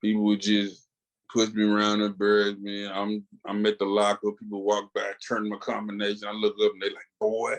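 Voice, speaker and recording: In a lowish, monotone voice, a Southern-accented man from rural Tennessee talks briskly on a low-quality recording. He's co-hosting a comics podcast, chatting casually and animatedly, telling stories in colloquial style and performing quoted lines.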